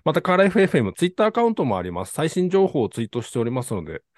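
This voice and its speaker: A man's voice: fairly high pitch, huge pitch swings, racing, darkish tone, no room sound, clean studio sound. A man hosting a car talk podcast, speaking in very polite, formal, announcer-like phrasing. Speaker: podcast host.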